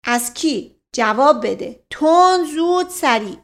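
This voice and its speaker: A woman's voice: high-pitched, lively intonation, pitched above the performer's own voice. A woman voicing a bossy middle-aged male police officer who fires off impatient questions, in a storybook reading. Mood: barking.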